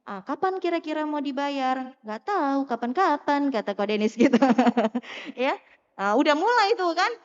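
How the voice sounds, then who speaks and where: A woman preaching in a mosque hall, her high voice carrying long echoes. She is animated and playful and keeps asking the crowd questions, and the sound is muffled. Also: normal speed. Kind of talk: lively sermon to a live audience.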